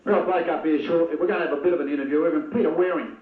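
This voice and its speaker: Blunt, partisan football caller with a high voice, recorded in an echoey space. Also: male voice, steady tone, rapid-fire. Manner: blunt, opinionated, heckles players by name. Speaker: football commentator. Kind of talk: partisan amateur match commentary. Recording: tinny lo-fi old video with echo.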